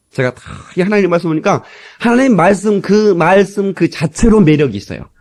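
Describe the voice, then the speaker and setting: Joking Korean pastor on an old tape. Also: male voice, a little high, darkish tone. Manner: chatty, joking preacher who breaks into dialect recitations. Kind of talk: sermon. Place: church. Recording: old cassette tape transfer.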